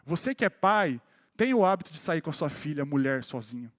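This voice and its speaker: A man's voice: on the high side, big pitch swings, brisk, fairly bright tone. A man in his thirties with a Brazilian Portuguese accent, preaching a sermon at a church service and speaking directly to members of the congregation by name. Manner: grows more fervent and emphatic toward the close.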